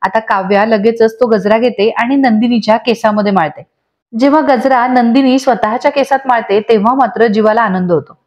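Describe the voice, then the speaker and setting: A woman's voice: on the high side, normal speed. Woman narrating a serial recap. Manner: steady storytelling, voicing each character. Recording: slightly dull lo-fi audio.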